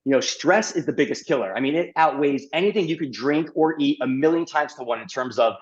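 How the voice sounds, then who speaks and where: Animated middle-aged man, slightly dull audio. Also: a little high, quick pace. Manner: animated, uses many fillers and "like". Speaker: guest doctor. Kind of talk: podcast interview storytelling.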